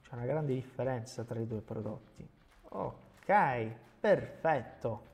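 A man teaching Italian to beginners, repeating example sentences slowly and patiently. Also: mid-range voice, expressive, a little mellow. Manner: slow, repetitive drilling of example sentences. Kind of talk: beginner language lesson.

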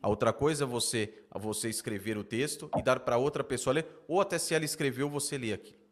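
A man hosting a podcast, chatting casually in a slangy, animated way. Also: medium pitch. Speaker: podcast host.

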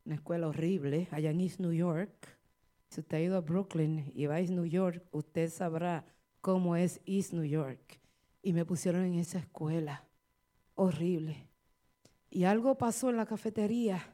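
A middle-aged woman preaching and giving testimony to a congregation, shifting from quiet storytelling to loud fervent exhortation. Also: lowish voice, moderate pace. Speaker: church speaker giving testimony.

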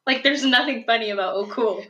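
A young woman co-hosting a podcast, telling a folk tale in a rambling, animated way and laughing often. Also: on the high side, normal speed, dull audio, a little hiss or hum. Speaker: podcast co-host. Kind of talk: casual storytelling chat. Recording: echoey room.

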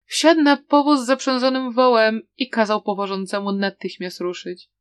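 A woman narrating a storybook with a steady, softly dramatic reading. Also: a little high, normal speed, clear, resonant tone, dry recording, clean studio sound. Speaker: audiobook reader.

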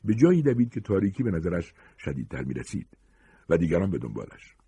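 A man reading a short story aloud with expressive, dramatic narration. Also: sits low, slightly rough, no room sound.

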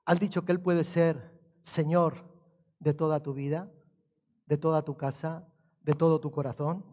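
A man's voice: a little high, steady tone, unhurried, mellow. A man preaching a sermon as pastor, telling a humorous story and asking the congregation rhetorical questions.

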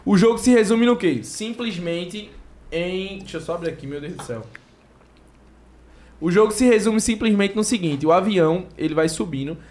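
A man's voice: high-pitched, expressive, normal speed, a little mellow. A man hosting a podcast, giving a playful, joking sponsor read and explaining it step by step. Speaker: podcast host.

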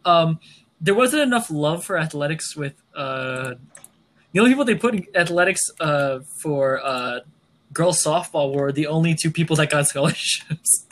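A teenage boy co-hosting a casual student podcast, bantering quickly and laughing often. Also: fairly high pitch, lively intonation, fairly bright tone, slight background noise. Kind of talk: casual chat.

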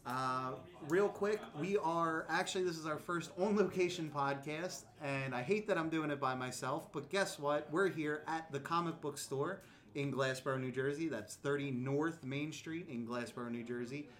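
A man's voice: on the high side, moderate pace, fairly bright tone. Chatty laughing male podcast host. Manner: rambling, laughs often, many fillers. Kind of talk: casual chat. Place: comic book store.

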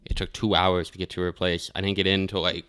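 Profane, animated young man telling a story. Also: low-pitched, quick pace, clean tone, no room sound, clean studio sound. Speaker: podcast host. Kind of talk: casual podcast chat.

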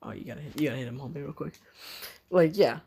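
A man's voice: fairly high pitch, vocal fry, dark tone. A young man in casual chat, joking and rambling with friends. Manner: joking, rambling, quick to laugh.

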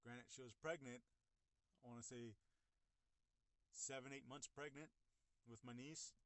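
A young man tells his own story in a casual, halting way, stumbling over fillers and restarting his sentences. His wording is blunt and salty. The recording is dry with no room sound. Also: mid-range voice, steady tone, a bit bright, no room sound. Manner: halting, full of "uh" and "like", frequent restarts. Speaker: person recounting his own experience. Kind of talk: casual first-person storytelling.

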